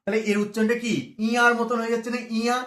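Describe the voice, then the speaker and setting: A man's voice: very high-pitched, little pitch movement, rapid-fire, a bit bright, echoey room. A middle-aged man teaching grammar, explaining patiently and drilling sounds over and over while asking his class questions. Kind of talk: classroom lecture to camera. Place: room with a bedsheet hung behind.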